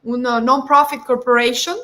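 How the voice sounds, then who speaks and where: A woman with a high voice hosts an informal online panel. She talks conversationally and slips from one language into another. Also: steady tone, moderate pace, pushed and bright. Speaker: host. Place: video call.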